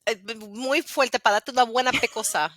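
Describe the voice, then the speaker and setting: A woman's voice: on the high side, fast, bright, forceful tone, no echo. A woman chatting casually on a podcast with her cousin, often slipping Spanish phrases into her English. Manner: chatty, slips into Spanish mid-sentence. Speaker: podcast co-host. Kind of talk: casual chat between cousins.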